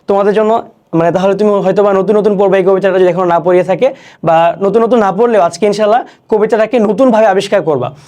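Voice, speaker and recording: A young man teaching an online class, explaining each word slowly and repeating questions and answers. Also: high-pitched, darkish tone. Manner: recites poem lines slowly.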